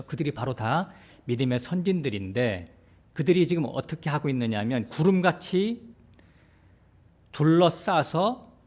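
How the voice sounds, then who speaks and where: A pastor preaching a sermon, explaining step by step and asking the congregation rhetorical questions. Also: male voice, medium pitch, darkish tone.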